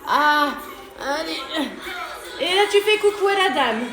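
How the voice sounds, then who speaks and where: High voiced woman coaching abs at home, chatty and jokey, echoey room with music on. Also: animated, a little slow. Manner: chatty, joking, gives exercise cues between comments. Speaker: fitness coach. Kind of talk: live workout coaching while reading chat. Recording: roomy room with music playing. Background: workout music.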